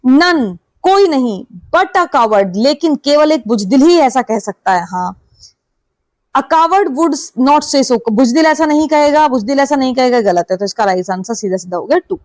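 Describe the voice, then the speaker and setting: A woman with an Indian accent coaching students for an exam, with a high, bright voice. She reads each English question slowly, then answers it herself. The sound is dry and close, with no room around it. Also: expressive, no echo, poor audio. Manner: explains in Hindi, reads English questions slowly, asks and answers her own questions. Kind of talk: online exam-prep lesson.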